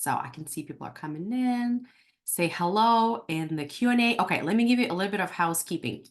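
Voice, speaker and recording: Brief: accented woman in her thirties, hoarse from a cold, lively self-joking webinar host on a computer mic. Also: deep voice. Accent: non-native English. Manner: chatty, animated, self-joking. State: sick, slightly hoarse. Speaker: webinar host and life coach. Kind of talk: live webinar teaching.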